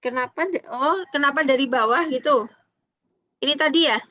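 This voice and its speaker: A woman's voice: high-pitched, normal speed, sharp tone, dry recording. A woman lecturer giving an online accounting class, patient, walking through each step and checking if students understand. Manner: patient, explains step by step, tags lines with "ya" and "gitu". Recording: dull lo-fi online call audio.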